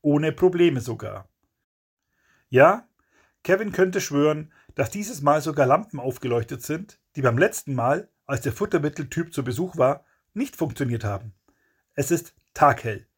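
A man's voice: fairly high pitch, animated, moderate pace, breathy edge. A man narrating a crime story in a dramatic, punchy audiobook reading.

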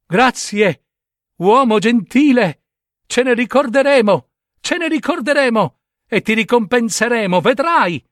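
A man voicing a grateful little fish in a storybook reading, high and eager. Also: expressive, measured pace, fairly bright tone, no echo, clean studio sound, full character voice.

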